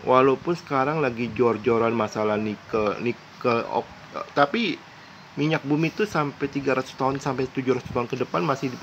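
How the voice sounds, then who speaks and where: A man in his forties from Indonesia, a self-styled psychic, pleading in a repetitive, earnest casual monologue. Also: mid-range voice. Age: 40s. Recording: dull lo-fi recording with faint background noise.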